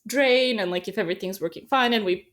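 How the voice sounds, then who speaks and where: A woman's voice: mid-range voice, fast. A woman from Serbia, chatting as a guest in a casual interview and telling stories with lots of fillers. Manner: chatty, animated storyteller, many fillers.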